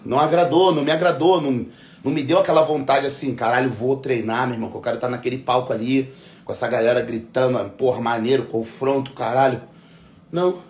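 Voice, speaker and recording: A middle-aged bodybuilding competitor, ranting in casual, heavily profane talk and repeating himself for emphasis. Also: male voice, mid-range voice, steady tone, quick pace. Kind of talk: casual conversational rant. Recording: echoey room.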